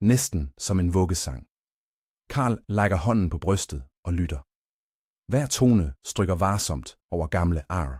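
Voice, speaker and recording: Low-voiced guy reading a sleepy bedtime story, soft and clear, dry close sound. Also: dry recording. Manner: soft, even and clearly pronounced. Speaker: narrator. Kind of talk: slow calm bedtime story narration.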